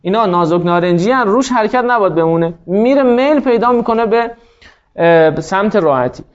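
In this classroom lecture, a man with a high-pitched, animated voice teaches a grammar class, working through each rule step by step and quizzing his students along the way. The audio sounds dull.

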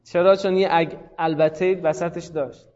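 A man's voice: a little high, steady tone, darkish tone, long reverb tail, dull audio. A man teaching a grammar class, calling on students by name and thinking aloud. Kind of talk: classroom lesson on Arabic grammar.

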